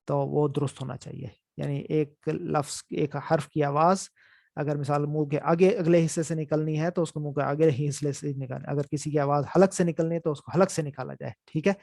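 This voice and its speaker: A man gives an online lesson on the rules of Quran recitation, repeating each point to make sure it sinks in. His voice is gravelly and sits a little high for a man. The sound is dry and close. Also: fairly even intonation, darkish tone, no room sound. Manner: explanatory, repeats key points with "theek hai". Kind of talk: online class lecture.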